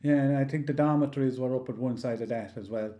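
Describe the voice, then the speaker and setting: A man in his sixties with a rural County Limerick Irish accent, telling anecdotes in a halting, rambling, casual way. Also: mid-range voice, warm tone. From County Limerick, Ireland. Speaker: interview guest, local storyteller. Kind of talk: oral history reminiscence, casual storytelling.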